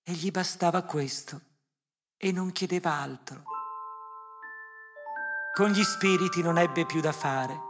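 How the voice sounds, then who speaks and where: Unhurried storybook narration, slow delivery, clear glockenspiel music underneath. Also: medium pitch, fairly bright tone. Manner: measured, unhurried reading. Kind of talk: audiobook storytelling.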